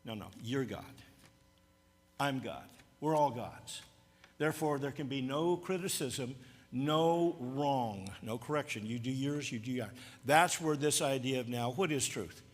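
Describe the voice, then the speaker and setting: A man's voice: medium pitch, measured pace, in a large hall. A man teaching a church Bible class, emphatic, pushing his voice up and down to stress his points.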